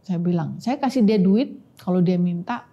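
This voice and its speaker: A woman's voice: fairly low pitch, animated, moderate pace, mellow, muffled recording. A woman telling her personal testimony in earnest casual talk, often quoting what she and others said. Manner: earnest, repeats phrases, quotes herself and others. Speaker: guest sharing testimony.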